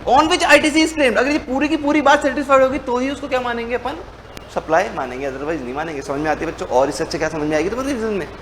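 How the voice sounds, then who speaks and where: A man's voice: extremely high pitch, animated, fast talker, fairly bright tone, a little hiss or hum, low-quality recording. A young man teaching a tax revision lecture. He explains in a chatty way and acts out both his own lines and his students' questions. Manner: playful teasing of students. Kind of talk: online exam revision lecture.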